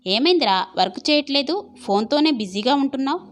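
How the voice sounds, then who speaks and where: A woman voicing a brisk friendly young coworker. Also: high voice, animated, voice pushed up. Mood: prodding.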